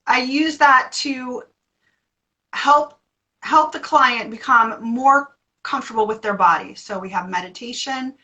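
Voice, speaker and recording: American lady voice therapist, bright voice, playful, explains stuff animated. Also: on the high side, a little slow, dull audio. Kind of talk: interview answers.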